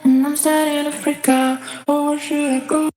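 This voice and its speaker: A woman's sampled vocal phrase, processed with a formant shift, sung slowly in a flat, drawn-out way inside a music track. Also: sits high. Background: loud music.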